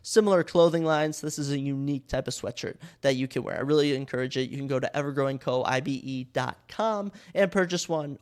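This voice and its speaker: A young adult man from Minnesota hosts his own casual solo sports podcast, rambling talkatively with lots of fillers and restarts. His voice is slightly higher, and a cold has stuffed up his nose, so every line sounds blocked and congested.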